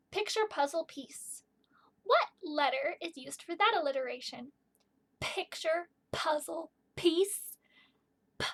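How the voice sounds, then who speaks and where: A woman's voice: sits high, a bit bright. A woman in her thirties teaching young children in a broad singsong, explaining simply and stressing sounds as she goes. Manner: simple explanations with emphasized, repeated sounds and questions. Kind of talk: children's poetry lesson with read-aloud.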